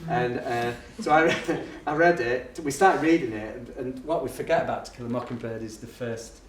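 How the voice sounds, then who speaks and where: A middle-aged man, telling lively, self-mocking teaching stories to a live audience. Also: mid-range voice, moderate pace, slight background noise. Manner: lively, self-mocking, acts out the voices in his story. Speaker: teacher and education speaker. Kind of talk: anecdotal storytelling to a live audience. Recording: echoey room, voice picked up from a distance.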